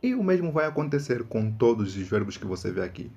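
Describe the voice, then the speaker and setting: A man teaching an online English lesson, patiently repeating each word slowly for practice. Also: medium pitch, very animated, creaky, dark tone, muffled recording.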